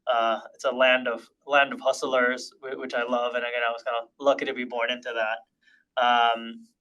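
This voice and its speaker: Bright-voiced Honduran-born man, reflective. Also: mid-range voice, level tone, moderate pace, muffled recording. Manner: reflective, many fillers and restarts. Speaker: podcast guest, tech partnerships leader. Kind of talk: casual interview chat.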